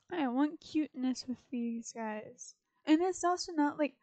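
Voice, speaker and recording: Here a young gaming YouTuber talks her way through a life-sim game, meandering and speaking to her Sims characters in a casual commentary. Her voice is fairly high, with a darkish quality.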